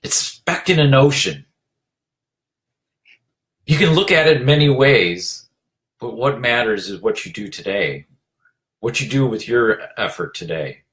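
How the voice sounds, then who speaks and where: A man giving an earnest motivational talk as a leadership coach, urging listeners on, repeating his phrases and filling pauses with "you know". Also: medium pitch, animated, fairly bright tone.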